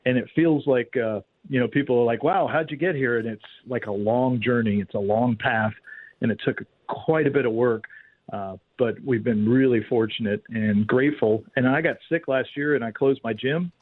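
A man's voice: medium pitch, normal speed, no echo. A man being interviewed as a guest on talk radio over a tinny phone line, speaking candidly with many filler words. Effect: tinny phone line on a talk radio broadcast. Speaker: guest firearms and martial arts instructor. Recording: narrow phone-line sound, dry.

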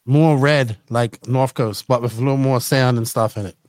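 A man's voice: medium pitch, fairly even intonation, moderate pace, a little mellow, no room sound. Casual man host asking questions. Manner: eager, presses with questions, casual slang. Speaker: podcast host. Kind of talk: casual interview chat.

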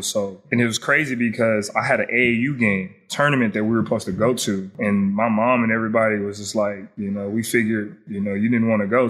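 A man's voice: on the low side, fairly bright tone. A young man, an interview guest, recalls a personal loss in a reflective way, often saying "you know".

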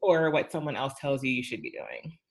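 A woman's voice: extremely low pitch, lively intonation, fairly quick, gravelly. A middle-aged woman talking casually on a podcast about social media platforms, emphatic and chatty, with many fillers.

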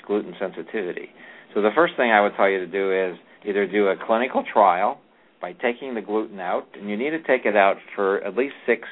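A man who is a physician, giving rambling advice to a caller on a call-in radio show, often restarting his sentences. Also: low voice. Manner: rambling, with frequent restarts and fillers. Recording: tinny phone-like radio audio.

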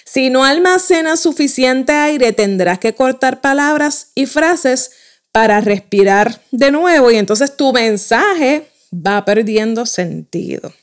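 A woman giving a lesson on the speaking voice, explaining its qualities in a clear, measured way and speaking straight to her listeners. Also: high voice, animated. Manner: clear, measured teaching with direct address to listeners. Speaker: voice coach.

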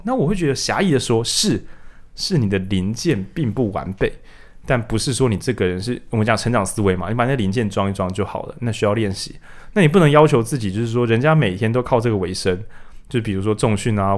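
A man co-hosting a casual book discussion, acting out quotes in raised voices. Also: fairly low pitch. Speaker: podcast co-host.

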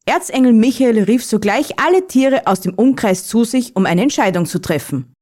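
A woman narrating a Christmas children's story in a calm, even reading voice. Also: on the high side, moderate pace.

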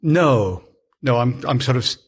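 A British man chatting casually in a slightly husky voice, giving hesitant, understated answers. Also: medium pitch, lively intonation, a little slow. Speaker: podcast host and radio phone-in guest. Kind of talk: casual chat.

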